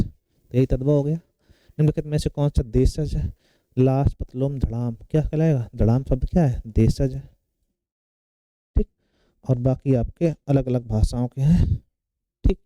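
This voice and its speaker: A man's voice: medium pitch, fairly even intonation, moderate pace, long pauses, warm tone, no echo, highs cut off. A man teaching grammar for an exam, asking questions and answering them himself, repeating the key terms. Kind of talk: exam-prep lecture.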